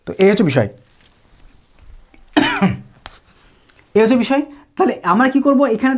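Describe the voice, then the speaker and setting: A woman gives a spoken English lesson with an animated, lively voice that rises and falls. She explains patiently and keeps checking that her students follow. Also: mid-range voice. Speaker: English teacher.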